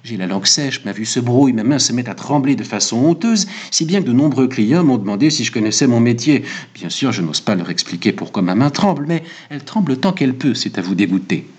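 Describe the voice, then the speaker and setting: A man's voice: medium pitch, lively intonation, a little fast, few pauses, darkish tone, breathy edge. A man voicing a nervous, obsessive male village barber who stammers and pleads eagerly.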